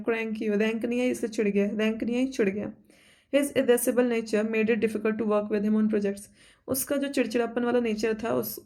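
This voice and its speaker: A woman with an Indian English accent teaching vocabulary for exams, repeating each word and asking herself quick questions. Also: fairly high pitch, darkish tone. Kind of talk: exam-prep vocabulary lesson.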